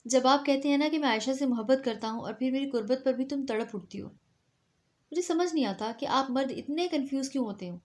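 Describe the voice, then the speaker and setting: A cool, aloof young wife who answers in a flat, detached manner, voiced by a woman in an audio novel reading. Her tone runs slightly high. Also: natural voice. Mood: wry. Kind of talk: storybook reading.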